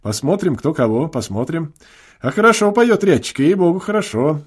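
Give me a genial, stout tavern keeper coaxing a singer in a kindly voice, as a man reading the tale puts him on. His pitch lifts and falls freely. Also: lively intonation, normal speed, slightly rough.

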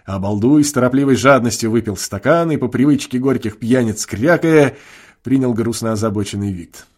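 Expressive male audiobook narrator. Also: medium pitch, normal speed. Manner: expressive, theatrical reading. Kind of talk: audiobook reading of classic prose.

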